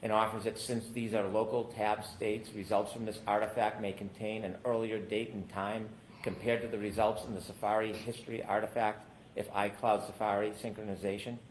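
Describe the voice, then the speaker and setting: A man's voice: fairly low pitch, level tone, brisk, a little hiss or hum, rough recording. A man questioning a witness as an attorney in a courtroom recording, asking probing questions with frequent hesitations.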